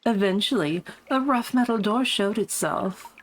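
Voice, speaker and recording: A woman voicing a smug, posh woman narrating her own story in first person, reading visual novel text aloud in a measured voice. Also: mid-range voice, close to an everyday voice, rough recording. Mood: tense.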